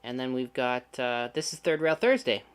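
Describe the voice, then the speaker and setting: A man's voice: medium pitch, expressive, moderate pace, smooth. A man hosting a casual livestream, chatting with viewers and making sarcastic, joking asides. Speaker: channel host.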